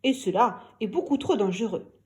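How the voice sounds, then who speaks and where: Brief: woman playing a cautious mother warning her daughter, firm and caring, lively pitch. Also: normal speed, natural voice.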